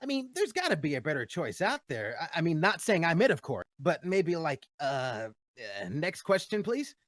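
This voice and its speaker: A man's voice: on the high side, wildly swooping pitch, moderate pace, no room sound, studio quality. A man voicing a cocky, upbeat hero hedgehog, breezy and quippy, in a fan Q&A. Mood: flustered. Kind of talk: in-character fan Q&A.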